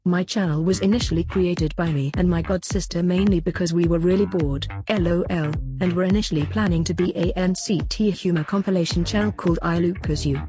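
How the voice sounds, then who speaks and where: A synthetic voice reading out a written answer in an even machine delivery. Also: mid-range voice. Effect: text-to-speech voice.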